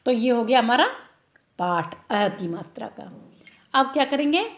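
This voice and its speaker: A woman teaching an online class for young children, drawing words out slowly and often checking in with the pupils. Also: a little high, expressive, a little hiss or hum. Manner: slow, drawn-out word-by-word reading, tag questions to pupils. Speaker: primary school teacher.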